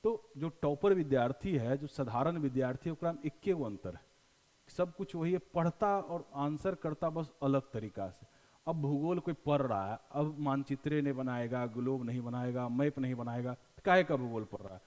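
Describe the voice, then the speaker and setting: A man's voice: mid-range voice, moderate pace, a little mellow, in a large hall. A male teacher with a Bihari accent, giving a classroom lecture in a folksy style, asking questions and then answering them himself. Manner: explains with repeated questions and answers; folksy, mixes in local dialect.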